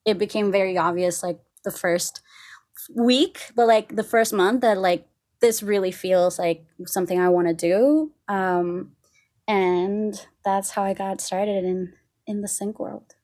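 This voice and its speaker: A woman's voice: mid-range voice, a little slow, a little mellow. A woman from Costa Rica, a singer, chatting casually on a podcast, with frequent laughs and fillers. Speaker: singer and co-host.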